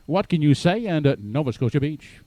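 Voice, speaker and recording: A man's voice: a little high, very animated, a little fast, darkish tone, dry recording. A man calling a harness race as live commentary, in an announcer's delivery that builds in intensity toward the finish.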